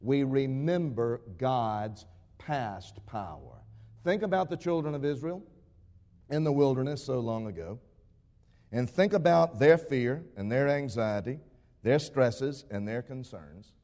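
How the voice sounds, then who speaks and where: A pastor preaching a dramatic sermon, full of rhetorical questions, rising to a raised voice and dropping to a hush. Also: male voice, medium pitch, unhurried. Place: church sanctuary. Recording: long reverb of a church sanctuary.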